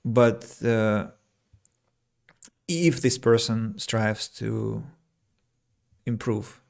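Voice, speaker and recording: On his solo podcast, an English teacher from Russia thinks aloud, reading out listener comments with frequent fillers and restarted phrases. His reflective delivery is flat and lowish, with drawn-out words, vocal fry, and a slightly mellow quality.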